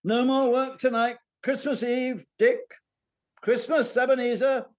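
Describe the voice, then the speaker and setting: A jolly old merchant shouting. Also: male voice, very high voice, little pitch movement, measured pace, pitched above the performer's own voice. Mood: jovial. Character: jovial fat old male merchant, hearty.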